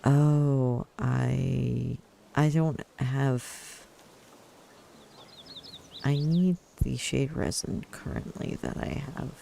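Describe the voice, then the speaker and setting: A man's voice: medium pitch, fairly even intonation, very slow, creaky, pauses often, dark tone, slight background noise. A man giving casual video game commentary, musing and hesitant as he thinks aloud and reads in-game text. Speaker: player narrating a video game.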